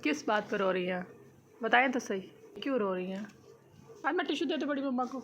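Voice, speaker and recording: High-voiced Pakistani woman vlogging at home. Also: lively intonation, fairly quick. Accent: Pakistani Urdu. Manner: soothing, coaxing, then teasing and laughing. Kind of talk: casual family vlog chat. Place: home room. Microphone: handheld phone camera.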